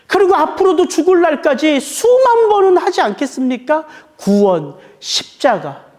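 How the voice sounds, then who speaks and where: A middle-aged pastor gives a heartfelt, earnest, and emotional sermon. His pitch swings widely and lively, and he slows deliberately on the words he wants to stress.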